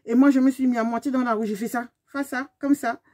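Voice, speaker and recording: Woman, 50s, bright higher voice, emphatic storyteller for a vlog. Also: quick pace. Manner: animated, emphatic storyteller talking straight to her viewers. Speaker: beauty vlogger.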